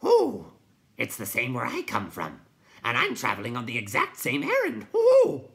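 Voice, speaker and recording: A man reading aloud, voicing a sighing night creature with high, loud hoots. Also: wildly swooping pitch, moderate pace, gravelly. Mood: plaintive. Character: mournful night creature who rides a bat, sighing and hooting.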